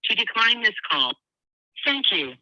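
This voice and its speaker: A woman's voice: on the high side, sing-song, unhurried, bright, forceful tone, dry recording. Automated female phone prompt with keypad tones. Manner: clipped, formal recorded announcement. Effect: automated call prompt over the line with phone keypad tones. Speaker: automated prison phone system announcer. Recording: tinny phone line, dry.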